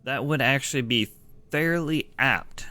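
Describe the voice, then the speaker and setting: A man's voice: medium pitch, measured pace, pushed and bright, slight background noise. A man giving casual let's-play commentary as a game streamer, sarcastic and sweary.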